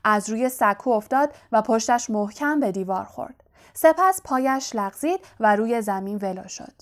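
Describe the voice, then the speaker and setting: Woman narrating a novel, steady tone. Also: fairly high pitch. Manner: even, steady storytelling.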